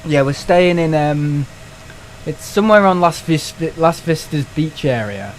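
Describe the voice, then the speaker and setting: A young man talks loosely to his live chat, cracking jokes and dropping the odd swear. His voice sits a touch high. A faint hum of background noise runs under the recording. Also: unhurried. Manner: chatty, joking, swears casually, talks to chat. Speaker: streamer. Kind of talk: casual live-stream chat.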